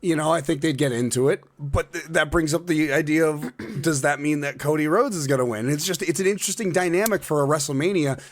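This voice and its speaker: Male co-host, raspy like a longtime smoker, pitched a little high, casual sports-talk chat. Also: a little fast, hardly any pauses. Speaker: podcast co-host. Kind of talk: casual wrestling podcast chat.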